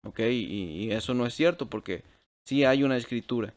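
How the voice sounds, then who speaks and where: A man's voice: mid-range voice, animated, normal speed. A man teaching a Bible class over shared slides at a computer mic, checking in with "ok?" after nearly every phrase and dropping English words into his Spanish.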